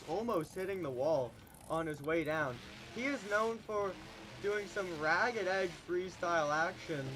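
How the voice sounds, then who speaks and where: A man with a fairly bright tone is losing his voice while hyping a monster truck show arena-style, dragging out his booming calls. A little hiss or hum runs under the recording.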